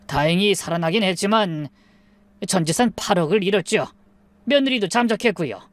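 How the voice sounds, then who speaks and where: A woman's voice: medium pitch, lively intonation, moderate pace, dry recording, lightly acted. A woman voicing an older male security guard who urgently warns of danger. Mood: grave. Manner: urgent, hushed warning.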